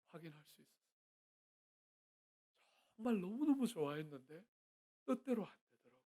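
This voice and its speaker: A middle-aged man, a guest pastor, preaching a sermon in a church, earnest and swinging between quiet and loud. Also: high voice. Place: church sanctuary.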